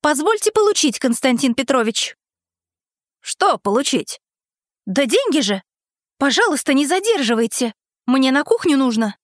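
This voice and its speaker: A woman reading aloud, voicing a brisk landlady who impatiently demands her rent. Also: high-pitched, big pitch swings, dry recording, studio quality. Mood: demanding.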